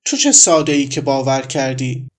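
A man reading the lines of a blunt, sharp-tongued young woman friend in a story, in mocking, plain remarks. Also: mid-range voice, animated, voice pushed down, close to an everyday voice. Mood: blunt teasing.

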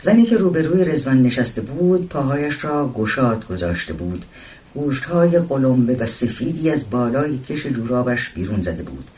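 A man reads a story aloud in a calm, measured voice. His pitch sits at an ordinary middle level for a man. The recording catches him from some distance away from the microphone. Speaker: narrator. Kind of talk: storybook reading. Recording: voice distant from the mic.

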